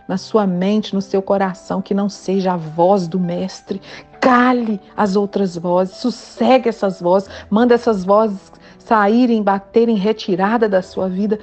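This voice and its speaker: A woman's voice: mid-range voice, a little mellow. A woman preacher, giving a fervent prophetic sermon that breaks into speaking in tongues.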